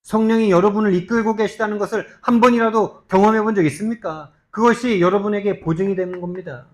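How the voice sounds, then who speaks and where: Male pastor, slightly high-pitched, preaching emphatically; rhetorical questions, swings from urgent to hushed. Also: quick pace. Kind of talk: sermon. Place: church sanctuary.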